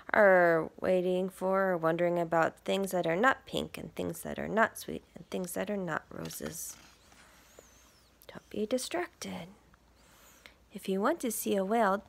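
Like a teacher with a class of little ones, a woman reads a picture book expressively, asking the children questions and lowering into breathy, whispered asides. Her voice is on the low side.

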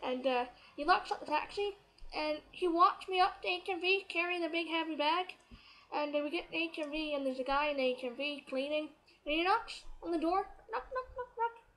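A woman from England, telling a story to the camera in an excitable, chatty way. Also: sits high, normal speed, rough recording. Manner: excitable, chatty, quotes others as she retells. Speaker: vlogger.

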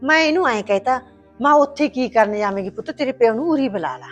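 A sharp-tongued middle-aged mother-in-law scolds in a fairly high voice in a short film drama. She talks one way to her son and another to her daughter-in-law. Faint music sits under her lines. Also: lively intonation, quick pace. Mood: pleading, plaintive.

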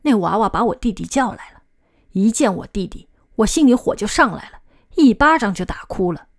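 A woman narrating a documentary-literature audiobook in a steady, measured storytelling voice. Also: medium pitch.

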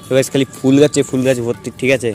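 A man's voice: little pitch movement, rapid-fire, soft background music. A young man giving casual, chatty vlog commentary while walking around a temple garden outdoors, filmed on a handheld phone. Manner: chatty, repeats filler phrases, lowers voice to near-hushed at times. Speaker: vlogger.

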